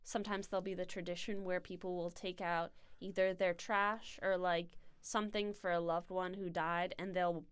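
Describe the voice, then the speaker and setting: A woman's voice: lowish voice, level tone, moderate pace, hardly any pauses, smooth, no echo. A young woman, a college student, chatting as a podcast guest in a playful, joking way. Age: young adult. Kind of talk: casual chat.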